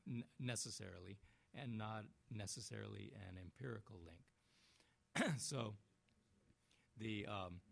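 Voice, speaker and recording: Gravelly-voiced man lecturing on economics. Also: mid-range voice, fairly bright tone. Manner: explanatory, frequent "okay?" and "um" fillers. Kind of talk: lecture with questions from students.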